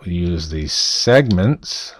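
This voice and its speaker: A man giving a software tutorial, thinking aloud and dictating what he types symbol by symbol in a halting, informal way. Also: low-pitched, animated, no echo, clean studio sound. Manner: dictates typed commands slowly, symbol by symbol. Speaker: instructor.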